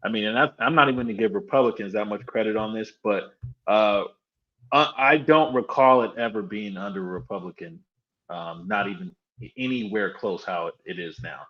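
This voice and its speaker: Relaxed opinionated man on a dull mic. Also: lowish voice, a little fast. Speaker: podcast co-host. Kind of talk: casual chat.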